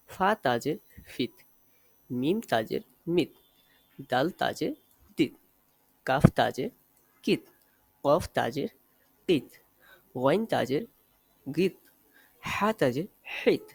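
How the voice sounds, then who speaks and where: A man with a slightly high, husky voice leads an Arabic reading drill. He spells out each letter and vowel sign slowly and deliberately, and his close, dry recording has no room echo. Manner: slow, deliberate letter-by-letter recitation.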